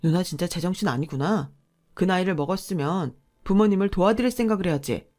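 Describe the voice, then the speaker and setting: A woman's voice: fairly low pitch, brisk, a little mellow, natural voice. A woman voicing a frustrated married man who pleads with his older sister in a radio drama. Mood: exasperated. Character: exasperated younger brother, a married man.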